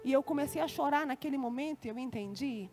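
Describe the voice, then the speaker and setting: A woman's voice: high-pitched, fast, darkish tone, soft background music. A Brazilian woman preaching a sermon in church, telling a personal story with feeling and acting out the voices in it. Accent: Brazilian Portuguese.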